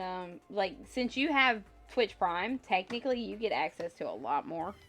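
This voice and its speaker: A livestream host with a medium-pitched, fairly bright voice chats casually with viewers, rambling and thinking aloud. Music plays in the background, and she sounds slightly congested, with a lingering cough.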